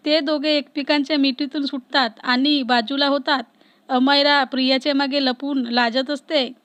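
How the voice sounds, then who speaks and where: A woman reading a story aloud as narrator in a steady, even way, close to the mic. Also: sits high, moderate pace, no echo. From Maharashtra, India.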